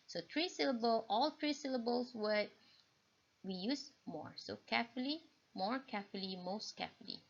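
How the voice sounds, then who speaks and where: A woman teacher giving a recorded grammar lesson, slowly repeating key points and checking in with "okay?". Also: mid-range voice, creaky, fairly bright tone. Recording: dull lo-fi recording.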